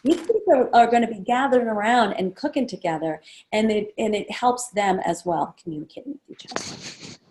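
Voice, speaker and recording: A woman's voice: fairly quick, slight background noise. A woman running a sales training session, casual and chatty, acting out guest conversations in a livelier voice. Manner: acts out guest chats in a lively higher voice; casual, chatty, many fillers. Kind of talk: training talk to a small group.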